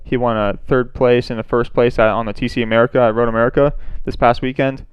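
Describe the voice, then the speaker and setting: A man casually commenting over his own racing footage, excitable, with many restarts and catchphrases. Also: mid-range voice, fast talker, smooth, no echo, muffled recording. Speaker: race driver narrating his onboard footage.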